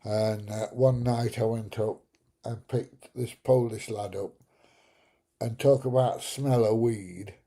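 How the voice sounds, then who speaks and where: Slow-paced and mellow, a middle-aged livestream host with a medium-pitched voice and fairly even intonation reads viewer comments in a casual live chat. He rambles through jokey anecdotes, laughing at his own stories.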